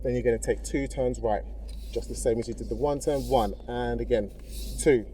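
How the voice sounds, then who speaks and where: A man's voice: medium pitch, steady tone, moderate pace, dark tone. A man working as a driving instructor, giving casual, encouraging step-by-step instructions and often checking that the learner follows. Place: inside a car in a car park. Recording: vehicle noise in background.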